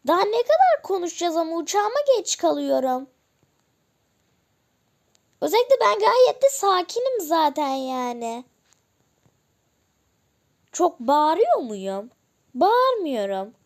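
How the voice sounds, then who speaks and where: A woman's voice: extremely high pitch, sing-song, exaggerated voice. Woman playing a stubborn departing mother. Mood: defiant. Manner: insistent, dismissive, quick. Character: stubborn mother leaving her family. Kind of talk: family role-play.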